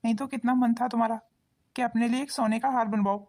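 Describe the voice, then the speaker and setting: A woman voicing a husband in a cartoon, talking in a quick, lecturing manner. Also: a little high, steady tone, dark tone, close to an everyday voice. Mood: warm. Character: husband, a grown son of the family.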